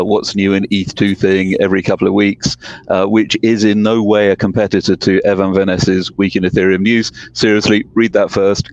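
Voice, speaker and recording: A man's voice: low voice, muffled recording. A man from the British Isles speaking as a panelist on a video call, with dry, self-deprecating humor. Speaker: panelist, product owner. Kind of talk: casual panel chat. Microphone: headset on video call.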